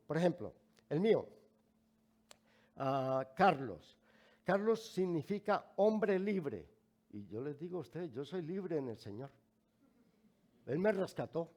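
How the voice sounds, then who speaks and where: Slow, higher-voiced Mexican pastor preaching. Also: male voice, a little mellow. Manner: slow, emphatic preaching with rising stresses and asides to the congregation. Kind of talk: sermon.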